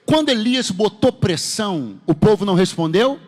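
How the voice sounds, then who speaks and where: Brazilian preacher, high voice, fervent call-and-response sermon, long church echo. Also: male voice, lively intonation, moderate pace, a little mellow. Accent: Brazilian Portuguese. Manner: fervent preaching with rhetorical questions to the congregation. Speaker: pastor. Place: church sanctuary. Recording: long hall reverb in a church.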